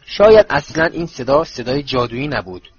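Male audiobook narrator, steady mid-pitched storytelling reading, dull lo-fi audio. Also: slightly rough, no room sound. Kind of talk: scripted narration.

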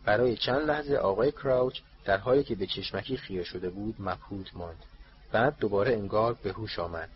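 Male audiobook narrator, low, measured, lo-fi with slight hiss. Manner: steady, measured storytelling. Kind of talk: scripted narration. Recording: dull lo-fi recording with faint hiss.

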